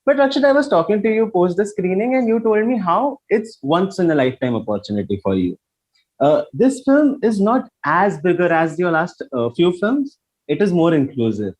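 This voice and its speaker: A man with an Indian accent hosts an entertainment interview in a conversational way. His voice is high for a man and his pitch moves around in a lively, animated fashion. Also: normal speed. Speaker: interview host.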